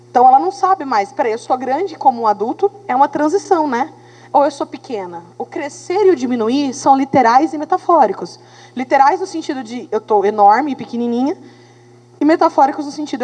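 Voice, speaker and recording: Brazilian woman teacher, animated lecture. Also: on the high side, in a large hall, low-quality recording. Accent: Brazilian Portuguese. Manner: animated, talks to students with tag questions. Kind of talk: lively classroom lecture.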